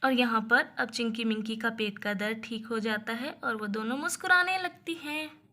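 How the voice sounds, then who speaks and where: A woman's voice: a little high, moderate pace, bright, forceful tone. A woman narrating a children's doll story in simple storytelling style.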